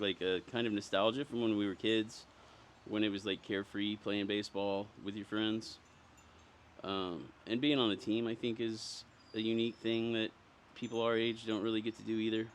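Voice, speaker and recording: A man's voice: lowish voice, little pitch movement, moderate pace, a little hiss or hum. A man in his thirties, an amateur ballplayer, speaking sincerely and thoughtfully in an interview. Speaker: amateur baseball player. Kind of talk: reflective interview.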